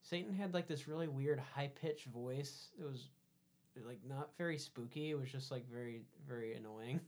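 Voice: mid-range voice, normal speed, a little mellow. A podcast co-host casually retelling a movie's plot, rambling with "um" and "like". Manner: laid-back, rambling with um and like. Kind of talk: casual chat reviewing a movie.

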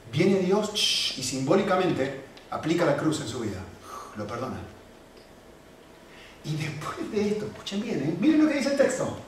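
A man preaching a sermon in an animated, emphatic way, repeating phrases for emphasis. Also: high voice. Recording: echoey room from far off, faint background noise.

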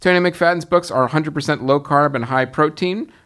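A man's voice: a little high, moderate pace, a bit bright. A man hosting a film podcast, casually reading out listener promos with small fillers and chuckles. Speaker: podcast host.

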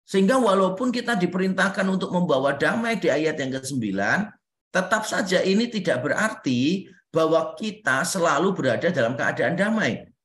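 Pastor teaching in a roomy echo. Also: male voice, high-pitched, lively intonation, normal speed, a bit bright. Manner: conversational, repeats points, frequent "nah" fillers. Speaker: pastor and counselor. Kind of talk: Bible study teaching.

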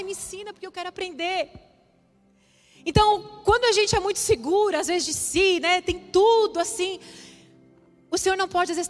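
A woman preaching a sermon, sharing a personal testimony with emotional, emphatic repetition. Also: very high-pitched. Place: church hall. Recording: reverberant hall with soft music.

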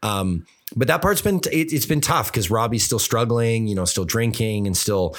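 A man's voice: lowish voice, lively intonation, normal speed. A middle-aged man, a filmmaker guest on a podcast, telling stories in casual chat, swearing often and mimicking the people he quotes.

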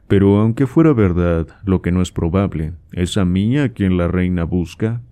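A man reading aloud and voicing a proud, reserved young gentleman who answers his father formally and dryly. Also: low voice, normal speed, clear, resonant tone, lightly acted. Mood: indignant. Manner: dry, formal replies.

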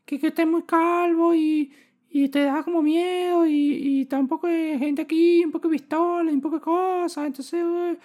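A man with a Venezuelan Spanish accent voicing a nervous, timid male traveler who pleads with an officer in a high, shaky voice. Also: steady tone, normal speed, darkish tone. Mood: nervous pleading.

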